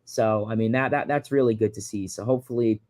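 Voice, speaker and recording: This early-twenties livestreamer from Long Island, New York, has a lowish, somewhat mellow voice and a steady, brisk delivery as he answers viewers' questions. His talk is rambling and repetitive with many fillers, recorded cleanly in a studio with no room sound.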